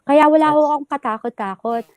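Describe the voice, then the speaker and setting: A woman's voice: high-pitched, fairly quick, crowd noise. A woman answering questions in a played interview clip, earnest and defensive.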